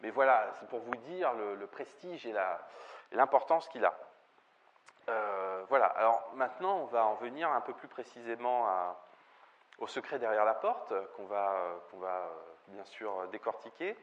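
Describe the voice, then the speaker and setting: A man's voice: lowish voice, animated, normal speed. Hesitant man giving a film lecture. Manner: hesitant, many fillers and restarts. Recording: dull lo-fi recording with faint ambient noise.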